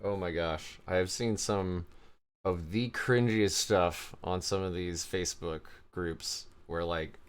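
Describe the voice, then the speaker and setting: A man's voice: sits low, slow, smooth. A man hosting a casual interview over a video call, chatty and rambling, laughing often. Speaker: podcast host.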